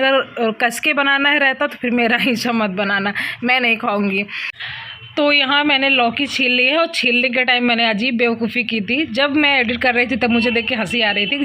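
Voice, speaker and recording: A woman's voice: sits high, pushed and bright, a little hiss or hum. A young woman with an Uttar Pradesh Hindi accent, casually narrating a home cooking vlog and explaining each step with fillers. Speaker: vlogger. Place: home kitchen.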